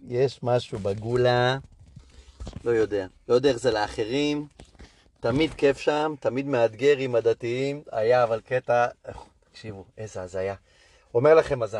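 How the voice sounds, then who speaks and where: A man's voice: mid-range voice, no echo. A man talking casually as a comedian and host, telling stories about his gigs and acting out the people in them. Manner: animated, chatty, acts out dialogue in quoted voices. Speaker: stand-up comedian and podcast host. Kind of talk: casual storytelling monologue.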